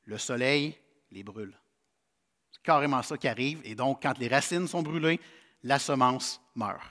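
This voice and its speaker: A man's voice: medium pitch, unhurried, fairly bright tone, big-room sound. A man with a Québécois French accent preaching a sermon in a folksy, storytelling way with humorous asides. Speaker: pastor. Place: church sanctuary.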